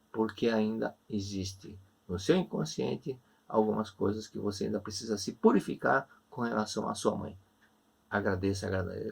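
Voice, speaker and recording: Brazilian male lecturer, online class, warm repetitive counsel, raspy voice. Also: lowish voice. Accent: Brazilian Portuguese. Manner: gentle, repetitive, reassuring counsel. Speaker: religious lecturer. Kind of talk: online religious class answering questions.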